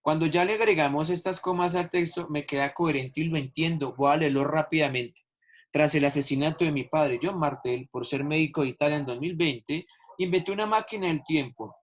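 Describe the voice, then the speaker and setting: A man with a fairly high voice explains a lesson a little quickly over a video call during an online class. He patiently stretches key words and repeats examples as he teaches.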